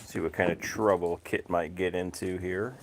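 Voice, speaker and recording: A man with a lowish voice hosts a relaxed livestream from home. He talks easily and evenly, answering viewers' comments with frequent fillers in a voice he calls monotone. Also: moderate pace, background noise. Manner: relaxed, chatting to viewers, says his voice is monotone. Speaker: livestream host. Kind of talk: casual livestream chat. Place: home, cats outdoors.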